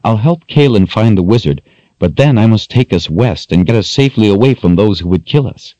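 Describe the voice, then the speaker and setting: A man's voice: lowish voice, animated, a little fast, mellow, dry recording, dull audio, pitched above the performer's own voice, close to an everyday voice. A man voicing an earnest young man. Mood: urgent. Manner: earnest, urgent.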